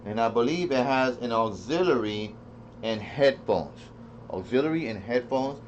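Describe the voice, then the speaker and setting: In this dull, lo-fi recording with a bit of background noise, a male product reviewer does an unscripted, casual demo. His mid-range voice is expressive and moves at a moderate pace while he thinks out loud, wanders, and says things more than once.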